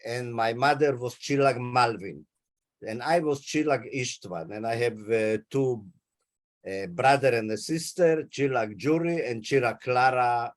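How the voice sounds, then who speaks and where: Over a video call, an interviewee in his eighties tells his family story with care. He is a Hungarian-born Holocaust survivor and native speaker of Hungarian, and his mid-range voice moves a little slowly.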